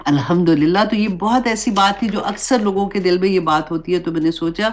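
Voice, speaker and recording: A woman's voice: lowish voice, a little hiss or hum. A woman religious teacher giving a conversational Islamic class lesson, mixing English words into her explanations.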